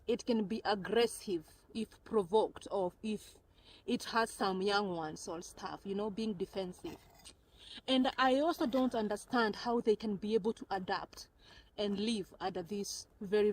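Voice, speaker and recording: A Kenyan woman with a mid-range voice records a casual walking vlog on her phone camera while moving through a cold, snowy forest in winter, chatting and laughing often. The recording is rough, with slight background noise.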